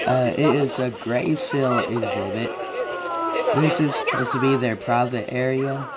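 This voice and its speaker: A man with a congested, sick-sounding nose talks very slowly through an unscripted game tour. His delivery is casual and halting, at a medium pitch. A crowd is clearly audible behind him. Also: steady tone. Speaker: gamer giving a video game tour. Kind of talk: casual rambling game walkthrough.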